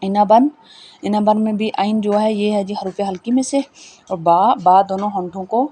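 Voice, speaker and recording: A woman teaching a Tajweed lesson, spelling out letters slowly and patiently explaining how each one is pronounced, with faint background noise. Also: medium pitch, steady tone, mellow, husky. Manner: slow, patient, repeats each point. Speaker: Quran reading teacher.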